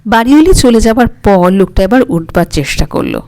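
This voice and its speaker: A woman with a Bengali accent narrating a short story in a calm, even reading voice. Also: a little high, a little fast, no room sound.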